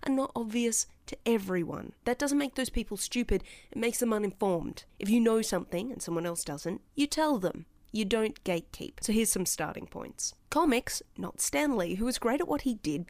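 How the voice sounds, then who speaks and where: A woman hosts her podcast in a scripted monologue, her voice sitting at an ordinary middle pitch. She talks with conviction and a dry, sardonic edge, turning now and then to the listener as if they were a companion in a game. The recording is close and dead, with no room sound. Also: darkish tone, no room sound. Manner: impassioned and sardonic; addresses listener as player two. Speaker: podcast host.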